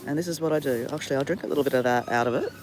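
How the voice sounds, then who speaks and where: A travel vlogger with the flu talks rapid-fire in a nasal, mid-range voice, his throat sore. Live-streaming from an outdoor beach with his phone held at arm's length, he chats and rambles, greeting viewers by name, over slight background noise.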